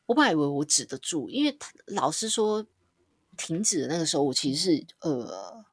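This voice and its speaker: A woman's voice: low voice, very animated, fairly quick, slightly rough, no echo, clean studio sound. A woman casually telling a personal story on a podcast. She swears now and then and acts out her own lines as quoted dialogue. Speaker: podcast co-host.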